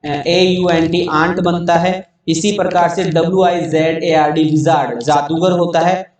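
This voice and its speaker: High-voiced Indian man teaching grammar. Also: darkish tone, very echoey, distant mic. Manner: spells words out letter by letter and asks questions, then answers them himself. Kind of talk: online grammar lesson.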